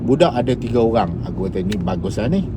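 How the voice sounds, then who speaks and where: A man with a Kedah Malay accent tells rambling stories on a phone live stream while driving. His voice is on the low side, expressive, and fast, and he's chatty, slipping into dialect. There's background noise from inside the car.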